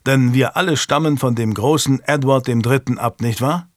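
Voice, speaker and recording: A man voicing a proud, defiant male lord who speaks in a sardonic, measured way, in a dry studio recording. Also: mid-range voice, dry recording, lightly acted.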